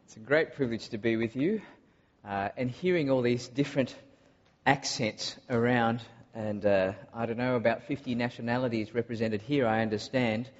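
A man from Malaysia preaching a sermon to a congregation, earnest and often pausing on filler uhs. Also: medium pitch. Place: large church hall. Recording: dull recording in a long-echo hall.

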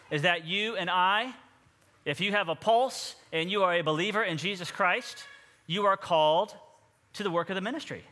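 A man preaching a sermon as pastor of a church, energetic and drawing the congregation into responses. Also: sits high. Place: church sanctuary. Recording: long hall reverb.

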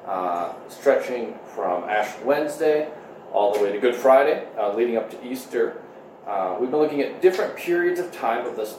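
A man in his thirties, a pastor giving a conversational sermon and prayer streamed online from home, pausing often with "uh". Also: mid-range voice, a little mellow, recorded from a distance, slight background noise. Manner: conversational, full of "uh" fillers. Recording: echoey room.

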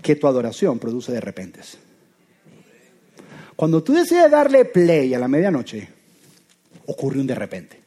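A man preaching a sermon in a lively, conversational way, often asking his listeners rhetorical questions. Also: mid-range voice, measured pace, pauses often, breathy edge.

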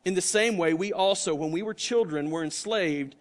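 A middle-aged male pastor delivers a sermon at a moderate pace in a high-sitting voice. His preaching is earnest and conversational, and he frequently restarts his words.

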